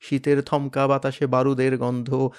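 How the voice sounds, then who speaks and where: A man's voice: mid-range voice, a little slow, smooth. Man giving a dramatic novel reading. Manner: expressive, varied, hushed at moments. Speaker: reader of a novel.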